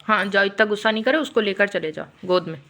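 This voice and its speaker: A woman filming a family vlog at home, gently telling her small child what to do. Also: mid-range voice, quick pace. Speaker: family vlogger and mother. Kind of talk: casual home vlog talk. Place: home indoors.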